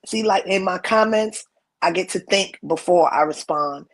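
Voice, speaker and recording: A woman's voice: lowish voice, moderate pace. A woman hosting a live stream, talking bluntly and emphatically in casual commentary. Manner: blunt, emphatic, laughs along.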